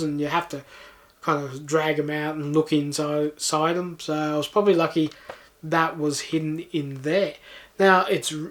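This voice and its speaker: A man hosting a game collecting video, chatting casually in an understated, unscripted way. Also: on the high side. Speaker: host of game collecting channel. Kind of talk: casual chat to viewers.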